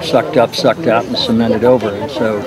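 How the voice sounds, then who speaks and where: A man's voice: on the low side, steady tone, moderate pace. Earnest man outdoors, crowd behind. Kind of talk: interview.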